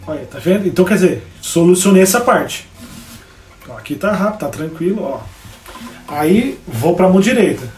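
A man's voice: high voice, expressive, fairly quick. A Brazilian man teaching guitar on a live stream in a casual, chatty way, greeting viewers by name as he plays. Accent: Brazilian Portuguese. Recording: echoey room with guitar playing.

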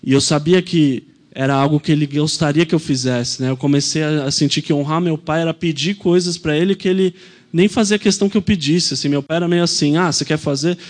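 A pastor, preaching through a heartfelt personal testimony. His voice sits a little high for a man. He tells the story in an earnest, reflective way. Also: fairly quick.

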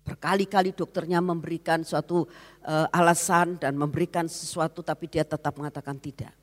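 A preacher telling a moving story to the congregation during a sermon, speaking with strong emotion and rising to loud exclamations while addressing the listeners directly. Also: medium pitch, flat delivery, brisk. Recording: long hall reverb.

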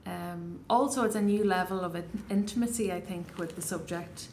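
A poet in her thirties from the Donegal Gaeltacht in Ireland answers interview questions thoughtfully and hesitantly, with many restarts, in a Donegal Irish accent. Her voice is on the low side and a little mellow, at a moderate pace, with a little hiss or hum in the recording.

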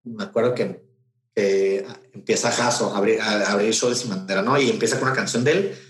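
A man's voice: fairly low pitch, fast. Rambling Mexican man, echoey room. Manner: rambling, many fillers and restarts. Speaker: event promoter. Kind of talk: casual storytelling interview. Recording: roomy echo.

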